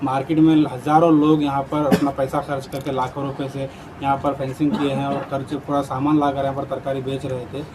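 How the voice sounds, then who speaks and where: A male reporter asking a probing, measured question during a street interview at a market. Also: medium pitch, level tone, noisy background.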